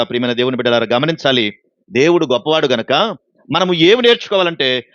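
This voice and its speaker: A man delivers a sermon at a quick clip with a high voice, putting questions to his listeners and acting out the voices he quotes. The sound is dry and slightly dull, as if recorded close with a basic mic. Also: a bit bright, no echo. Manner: preaching with rhetorical questions to the congregation. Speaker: pastor.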